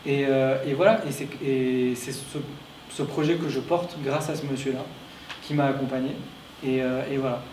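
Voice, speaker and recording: A man's voice: mid-range voice, fairly even intonation, moderate pace, darkish tone, slight background noise. A man giving a conference talk, telling a personal story with emotion and frequent stumbling restarts. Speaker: conference speaker. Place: conference room at a clinic. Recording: echoey room, distant mic.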